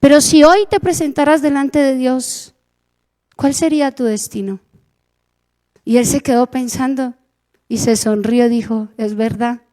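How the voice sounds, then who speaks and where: Slow high-voiced Colombian woman preaching. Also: fairly even intonation, dark tone. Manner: earnest storytelling, acts out dialogue. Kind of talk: sermon testimony.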